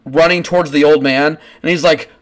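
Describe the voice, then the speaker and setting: A man's voice: on the high side, fairly even intonation, a little fast. A man narrating a tabletop game as game master over an online call, rambling casually with frequent restarts. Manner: rambling, many restarts and fillers.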